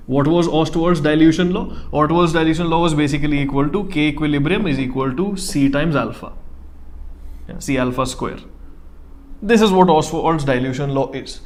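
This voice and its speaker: A man with a North Indian accent teaches a live online lecture, explaining things step by step and repeating key phrases with Hindi check-in tags. His voice is fairly high, a little mellow, at a moderate pace.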